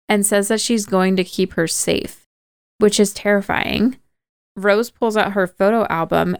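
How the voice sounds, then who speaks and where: A woman's voice: mid-range voice, clean tone, no echo, clean studio sound. A woman podcast host casually retelling a movie plot, chatty and full of "like" and "kinda".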